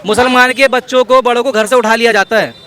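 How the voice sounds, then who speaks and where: A man's voice: very high voice, fairly even intonation, bright, forceful tone. A young man arguing insistently in a street interview. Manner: fast, insistent, argumentative. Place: busy city street outdoors. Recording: noisy street crowd around. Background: crowd and traffic.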